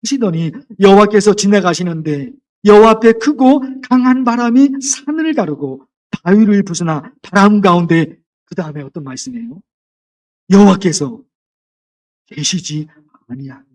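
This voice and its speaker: A man preaching a sermon as pastor, earnest, dropping to a gentle voice when quoting. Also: high voice, lively intonation, normal speed, distant mic. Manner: earnest, softens to a gentle voice for quoted words. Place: church sanctuary.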